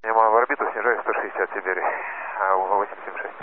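Мужчина-пилот говорит по бортовой рации, отвечает диспетчеру коротко и негромко. Голос ниже обычного. Звук узкий, телефонный, под сильным шумом эфира. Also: male voice, fairly low pitch, steady tone, fairly quick. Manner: clipped, quiet readbacks with hesitations. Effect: pilot over a cockpit radio. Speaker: airline pilot. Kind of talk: radio readbacks to air traffic control. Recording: tinny, noisy aviation radio.

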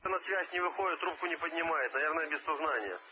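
A man's voice: on the high side, fast. A man, a firefighter crew leader, gives terse, formal reports over a two-way radio, using call signs and closing each transmission with "over". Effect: heard over a two-way radio. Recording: muffled radio transmission with faint hiss.

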